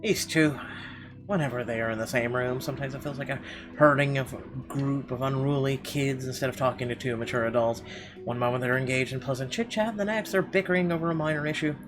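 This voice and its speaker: With guitar game music in the background, a male let's player reads a visual novel's text aloud expressively and offers casual commentary. His mid-range voice moves a little fast.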